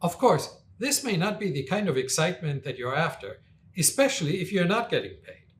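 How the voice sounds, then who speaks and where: A man's voice: a little high, big pitch swings, a little fast. A man giving a recorded finance lecture, explaining formulas with dry, wry asides.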